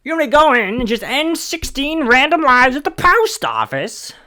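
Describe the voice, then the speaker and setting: A man's voice: very high voice, sing-song, bright, forceful tone, voice pushed up, exaggerated voice. A man putting on the voice of a whiny, hysterical young gamer, shrieking and dragging out his words. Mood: hysterical whine. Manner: shrieking, drawn-out, hysterical whine. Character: whiny shrill young male gamer ranting.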